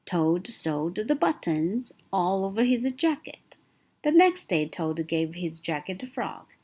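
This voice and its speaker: Reading a children's picture book aloud, a woman takes an unhurried pace and lets her pitch swing widely for young listeners. Her storytelling is slow, clear and expressive, each line delivered deliberately.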